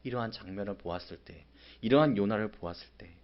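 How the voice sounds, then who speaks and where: A man preaching a sermon as pastor, acting out a prophet's angry, sarcastic complaints in sudden loud bursts. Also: on the low side, fast, lo-fi sound. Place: church sanctuary.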